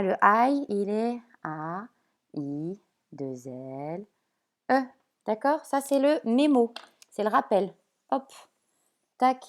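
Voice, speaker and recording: A woman teacher explaining spelling sounds at a whiteboard, slow and patient, checking often that her pupils follow. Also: on the high side, a little mellow. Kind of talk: remote classroom lesson at a whiteboard.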